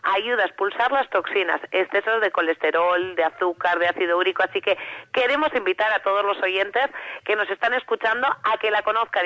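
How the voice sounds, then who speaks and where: A woman from calling in to a radio show, giving a chatty, persuasive sales pitch over the phone. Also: sharp tone, dry recording. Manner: chatty, persuasive, friendly diminutives. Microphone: telephone. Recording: muffled phone line.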